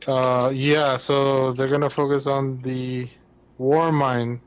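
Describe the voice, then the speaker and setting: Guy on a gaming podcast rambling about lore, um-ing a lot, average pitch. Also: level tone, slow pace, clear, resonant tone, lo-fi sound. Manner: rambling, explaining game lore with many fillers. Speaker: podcast co-host. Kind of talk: casual gaming chat.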